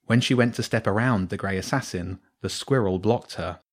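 A man narrating a children's storybook in a steady, clear reading voice. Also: fairly low pitch, moderate pace.

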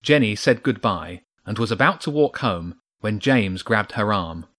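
A man narrating a children's storybook in a steady, measured read. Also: on the low side.

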